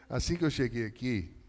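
A man's voice: mid-range voice, a little mellow, big-room sound. A man preaching a sermon as a pastor, building to fervent, repeated appeals and telling stories from his own life. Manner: preaching with rising intensity and storytelling.

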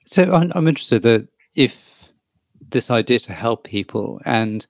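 Measured male podcast host, dry sound. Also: medium pitch, animated, no room sound. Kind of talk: podcast interview questions.

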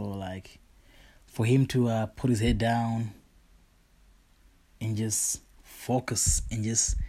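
On his own podcast show, a young man from Zimbabwe delivers a casual monologue about his life. He speaks in a husky, lowish voice, loose and meandering, often dropping fillers such as "you know".

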